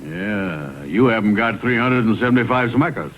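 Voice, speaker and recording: A man's voice: lowish voice, lively intonation, moderate pace, slight background noise. A man voicing a plain, skeptical sidekick in a 1960s cartoon, speaking in a dry, doubtful way. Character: plain, skeptical male cartoon sidekick, slow-witted but wry. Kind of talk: 1960s TV cartoon comedy acting. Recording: muffled vintage TV soundtrack, loud music.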